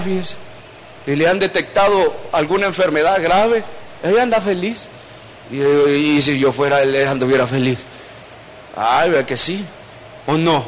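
A man's voice: high voice, fairly bright tone, slight background noise. A male pastor, preaching a sermon in a conversational storytelling way. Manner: conversational storytelling preaching, acting out quoted voices.

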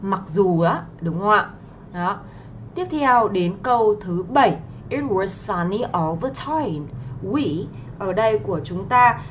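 A woman's voice: medium pitch, slight background noise. A young woman teaching English to exam students on a livestream, speaking politely and patiently with many filler sounds and friendly tag questions, reading English words with a Vietnamese accent.

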